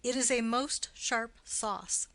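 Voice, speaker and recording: A woman's voice: fairly high pitch, slow, a bit bright, no echo. A woman reading a teasing, witty young nobleman. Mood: mocking. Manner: wordplay-heavy, teasing and theatrical. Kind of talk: audiobook play reading.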